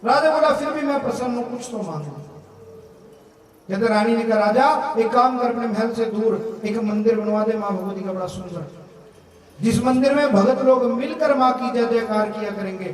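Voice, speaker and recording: High-voiced man telling a devotional tale. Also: normal speed, slight background noise. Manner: dramatic call-and-response storytelling, urging the crowd to chant. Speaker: jagran storyteller. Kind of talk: devotional story narration at a night vigil. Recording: echoey hall, distant mic.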